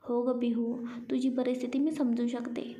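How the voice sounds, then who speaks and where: A woman's voice: a little high, little pitch movement, moderate pace, dark tone, lightly acted. A woman voicing a playful young woman who teases her newly married friend. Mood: teasing. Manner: teasing, cheeky.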